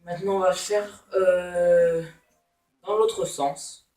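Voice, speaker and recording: A man's voice: high voice, fairly even intonation, slow, darkish tone, roomy sound, far from the mic, low-quality recording. A man giving casual, playful let's-play commentary, teasing opponents with taunts and exclamations. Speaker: gamer.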